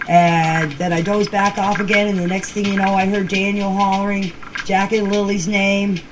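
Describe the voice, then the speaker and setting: A woman of medium pitch talks at a moderate pace in a level tone, sending informal voice messages that answer questions in a group chat. She repeats herself to drive points home and uses colloquial, non-standard grammar, with noise in the recording.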